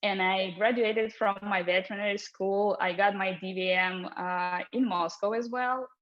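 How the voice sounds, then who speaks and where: A veterinarian from Russia with a Russian accent, telling a personal story, a little nervous and laughing often. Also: female voice, medium pitch, steady tone, normal speed, muffled recording.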